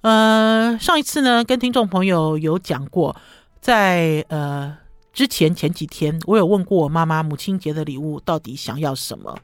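A woman's voice: deep voice, expressive, moderate pace, no room sound. Woman, radio food host, chatty monologue, dry close studio sound. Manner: chatty, ends phrases with a short "ha".

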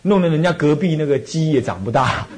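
A man's voice: fairly high pitch, lively intonation, fairly quick, a little hiss or hum. A Buddhist monk and temple abbot with a Taiwanese Mandarin accent, giving a dharma talk full of personal stories, repeating phrases and chuckling as he tells them.

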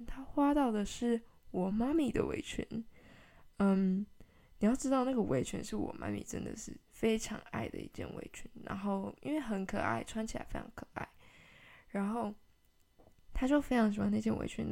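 A woman's voice: a little high, vocal fry, mellow. A young woman telling a rambling family story on her podcast at home, full of fillers and giggles. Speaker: podcast host.

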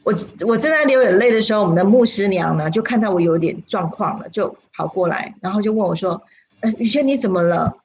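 A woman, a spiritual teacher telling a personal story on a livestream in an animated, dramatic way, her voice leaping up at exciting moments. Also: quick pace, few pauses. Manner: animated, dramatic storyteller with sudden pitch leaps.

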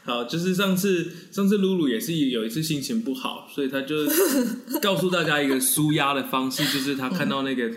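A man's voice: on the high side, brisk, a bit bright. A man co-hosting a podcast, prompting with short questions. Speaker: podcast co-host. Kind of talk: casual chat. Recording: roomy echo.

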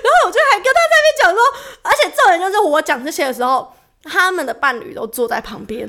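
Fast, bright woman chatting. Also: high voice. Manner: animated storytelling, laughs often. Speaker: podcast co-host. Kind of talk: casual chat.

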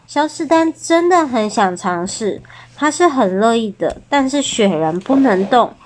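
Woman, Taiwanese Mandarin accent, gentle storytelling to a child, asks questions, higher pitch. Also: animated, unhurried, a little hiss or hum. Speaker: mother reading to her child. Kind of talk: reading a storybook aloud.

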